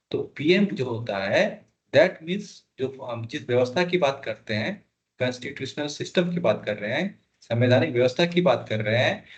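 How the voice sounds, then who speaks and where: A man teaching a polity lesson for exam prep, asking students questions and repeating key terms. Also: mid-range voice. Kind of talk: classroom lecture, Hindi mixed with English.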